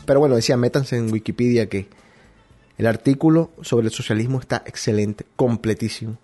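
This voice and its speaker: A man from Colombia hosting a talk show, musing out loud in a rambling way with many restarts. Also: medium pitch, a little fast, faint music behind. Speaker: radio show host. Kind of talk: casual opinion monologue.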